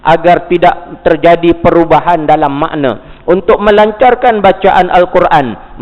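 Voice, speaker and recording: Delivering a mosque lecture, a high-voiced religious teacher with a Malaysian Malay accent moves between formal recitation and conversational asides, posing rhetorical questions along the way. The muffled audio is full of the hall's lingering reverb.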